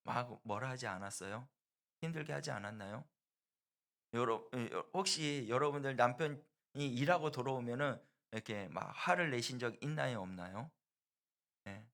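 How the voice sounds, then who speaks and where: A middle-aged man from South Korea preaching a sermon as pastor, earnest, slowing and swelling loud on key phrases. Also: medium pitch, creaky.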